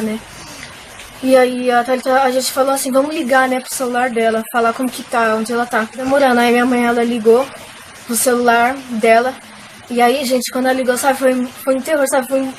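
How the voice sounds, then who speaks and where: Brief: young woman vlogger, high voice, emotional faith testimony to viewers. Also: slight background noise, low-quality recording. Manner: emotional, addresses viewers, many fillers. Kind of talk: personal faith testimony, casual storytelling.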